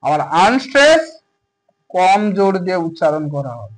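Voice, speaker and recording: A man's voice: sits high, very animated, moderate pace, low-quality recording. A man teaching a grammar lesson, repeating points and checking understanding with questions. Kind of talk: grammar lesson explaining to students.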